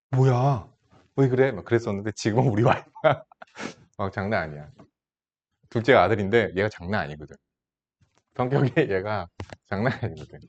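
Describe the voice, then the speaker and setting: Animated, teasing male math teacher. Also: on the low side. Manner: casual, teasing, talks down to students like a big brother. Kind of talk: classroom lecture with side stories. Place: classroom.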